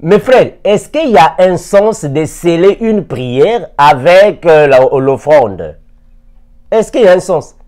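Speaking slowly, a preacher in his forties delivers a video teaching from an indoor armchair and peppers listeners with rhetorical questions. The voice is a little high and a little mellow yet very animated, recorded on a lapel mic.

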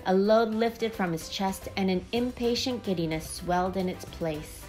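A woman reading a children's picture book aloud in a gentle, expressive storytelling voice. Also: medium pitch, moderate pace, faint music behind. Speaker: storybook reader.

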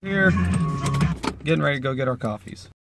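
Animated and fairly quick, a young man with a fairly high voice chats into a phone held out at arm's length for a casual vlog. The handheld footage moves between home rooms, a car and outdoors, with clear background noise.

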